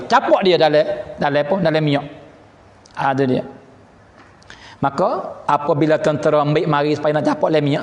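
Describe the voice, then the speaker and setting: A man with a Patani Malay accent preaching a storytelling sermon, animated and returning to a short low refrain. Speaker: religious preacher. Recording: echoey hall reverb.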